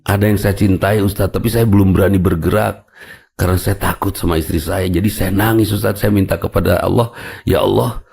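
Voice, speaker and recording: A man's voice: low voice, fairly even intonation, brisk, gravelly, a little mellow, breathy edge, pitched below the performer's own voice, exaggerated voice. A man playing a tearful confiding husband. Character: tearful married man confiding to his teacher.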